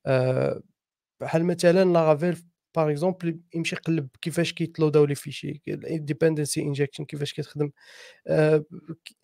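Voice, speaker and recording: Moroccan-accented man, gravelly edge, fast explanatory talk, close dry sound. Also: a little high, little pitch movement, dark tone, no echo. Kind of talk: casual panel discussion, giving advice.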